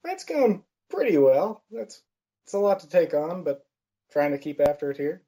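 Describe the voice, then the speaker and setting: A man's voice: on the high side, very animated, moderate pace, mellow. A teenage American man from Pennsylvania, a film reviewer giving brief, modest answers in a casual interview. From Pennsylvania, USA. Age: teens.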